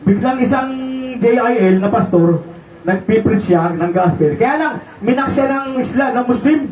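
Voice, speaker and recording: A Filipino preacher delivering an animated sermon, moving from quiet storytelling to loud exclamations. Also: male voice, very high-pitched, normal speed. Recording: echoey room, mic from a distance.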